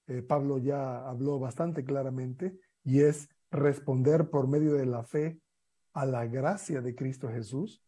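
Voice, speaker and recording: A man, a pastor, calmly explaining doctrine in a measured, theological way on a Bible study panel. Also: on the high side, husky.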